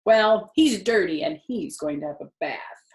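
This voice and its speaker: A woman's voice: medium pitch, expressive, unhurried, darkish tone, roomy sound, natural voice. A woman voicing a determined, fussy farm wife in a storybook, emphatic and insistent.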